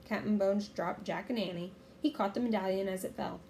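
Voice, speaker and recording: A woman reading a children's chapter book aloud in a clear, steady storytelling manner. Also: medium pitch, fairly quick.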